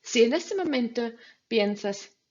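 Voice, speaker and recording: A woman's voice: a little high, lively intonation, takes it slowly, darkish tone, lo-fi sound. A woman teacher giving a recorded grammar lesson, patiently walking students through the rules step by step. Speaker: Spanish teacher.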